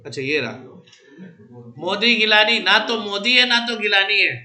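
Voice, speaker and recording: Man, classroom lecture, high pitch, sharp bright tone, teasing, dictates slowly. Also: expressive, roomy sound. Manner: teasing, mixes English into Hindi, dictates notes slowly. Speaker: commerce teacher.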